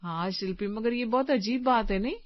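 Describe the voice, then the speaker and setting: A woman's voice: a little high, fairly quick, no room sound, close to an everyday voice. A young married woman, kind but a little bossy, chattering through household chores in a cartoon story, as voiced by a woman. The recording is dry and somewhat dull and lo-fi, with no room sound.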